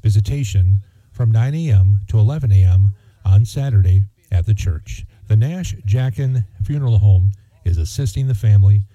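Very dark-voiced man reading solemn announcements. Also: lowish voice, lively intonation, moderate pace, slightly rough. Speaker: funeral notice announcer. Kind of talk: formal scripted radio announcement. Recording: dull, roomy sound with faint music.

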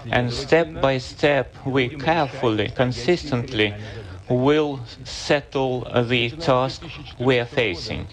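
Male live interpreter voice, measured and halting, over a murmuring crowd in a broadcast clip. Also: medium pitch. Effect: live interpreter voice over the original speech. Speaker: simultaneous interpreter.

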